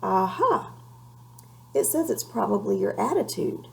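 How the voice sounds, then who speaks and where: A woman's voice: mid-range voice, very animated, measured pace, vocal fry, a little mellow, exaggerated voice. A woman voicing a kindly, earnest male knight in a storybook, with an encouraging, explanatory manner.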